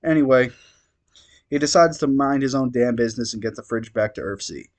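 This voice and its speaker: Gravelly man reading fan fiction aloud. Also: medium pitch, brisk. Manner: reads steadily, stumbles and adds wry asides. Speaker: reader.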